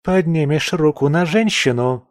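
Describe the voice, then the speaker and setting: Here a man reads an audiobook part as a young woman journalist, defiant and provocative, whose manner is haughty, taunting and sharp-tongued. He keeps a measured pace, pitched on the high side above his own voice yet close to everyday speech. Dry, studio-quality sound.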